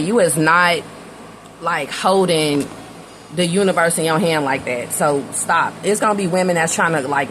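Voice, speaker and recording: A woman's voice: lowish voice, a bit bright, a little hiss or hum, poor audio. A woman doing a casual tarot reading, talking straight to the viewer in a slangy, conversational way and drifting into personal stories. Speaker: tarot reader.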